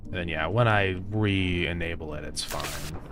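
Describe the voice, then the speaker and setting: A man developing a game on a live stream, thinking aloud in a relaxed way and answering chat with fillers. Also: deep voice, a little slow, music in the background. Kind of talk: casual live-stream chat while coding.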